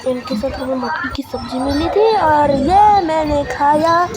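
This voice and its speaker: A woman's voice: high voice, unhurried, a crowd in the background. A woman narrating her own vlog in a chatty, self-mocking way. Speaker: vlogger. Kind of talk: casual vlog voice-over.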